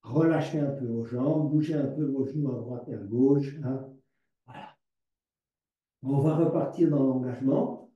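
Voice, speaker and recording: A man's voice: medium pitch, highs cut off. Man guiding yoga in an echoey room. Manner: calm step-by-step cueing, repeats words slowly. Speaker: yoga teacher. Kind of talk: guided yoga instruction. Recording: distant mic in a very echoey room.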